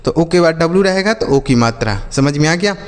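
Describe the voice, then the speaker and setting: A man's voice: on the high side, lively intonation, brisk. A man leads a children's phonics lesson in a slightly raised voice. He spells words letter by letter and drills each one with a question and an answer. His voice rings with a long reverb, as if in a big bare room. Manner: repeats each word as a call-and-response drill. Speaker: English teacher.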